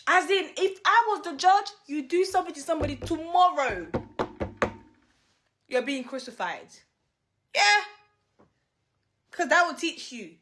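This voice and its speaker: A woman speaks in emphatic, outraged commentary. Her voice sits high and swings up and down with lots of movement. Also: expressive, a little slow, pauses often, a bit bright, slight background noise. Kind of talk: indignant commentary.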